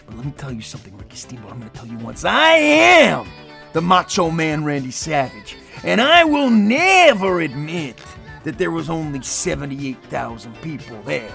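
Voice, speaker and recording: Gravelly macho wrestler. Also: male voice, a little high, very animated, sharp tone, faint music behind, heavily acted. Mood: defiant. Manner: dramatic, halting, swooping wrestling promo delivery. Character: intense, boastful macho pro wrestler. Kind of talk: comedic audio play narration.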